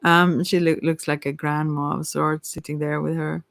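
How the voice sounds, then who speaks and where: In a close, dry ASMR tarot reading with no echo, a woman speaks at normal speed in a low, flat voice with vocal fry. The reading is intimate, casual, and rambling, and she hesitates and stammers, frequently trailing off to rephrase.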